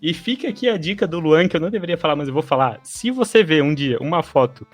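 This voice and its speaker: A man hosting a podcast in a casual chat, loud and joking, with a Brazilian Portuguese accent. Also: a little high, expressive, fast talker, soft background music. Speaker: podcast host.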